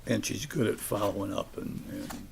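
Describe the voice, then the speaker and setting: A man making informal remarks at a meeting, halting and repeating words as he makes tentative suggestions. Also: fairly low pitch, vocal fry. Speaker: commission member. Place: public meeting room. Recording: noisy meeting recording with clicks.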